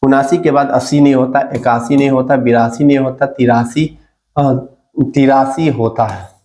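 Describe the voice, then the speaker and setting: A man's voice: medium pitch, fairly even intonation, moderate pace, mellow. Male math teacher, mid-range voice, step-by-step quiz-and-answer delivery, roomy echo. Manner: repeats questions to the student and answers them himself; talks through sums step by step. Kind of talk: exam-prep math lesson. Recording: echoey room recording.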